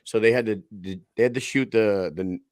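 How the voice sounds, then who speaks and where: A male show host runs a casual podcast, swearing freely and hyping things up in profane, hype-man banter full of street slang. His voice is fairly low and darkish at a normal speed. The sound is clean and studio-quality, with no room sound.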